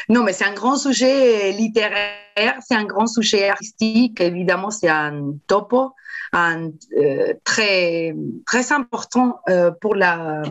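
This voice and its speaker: A woman novelist talking in a casual interview, animated and digressive, with frequent restarts and fillers. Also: mid-range voice, dull audio. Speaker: novelist guest.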